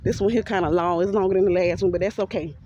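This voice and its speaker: A woman's voice: lowish voice, fairly even intonation, quick pace, lo-fi sound, noisy background. A woman with a Southern US accent, venting animatedly to her followers in a walking vlog, laughing often and talking straight to the viewers. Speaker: vlogger. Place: outdoors walking by a pond.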